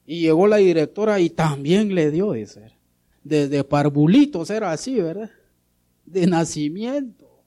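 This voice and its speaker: Man, pastor, sermon, fairly high pitch, warm tone, loud-soft swings, rhetorical questions. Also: animated, a little slow. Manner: calls listeners brother.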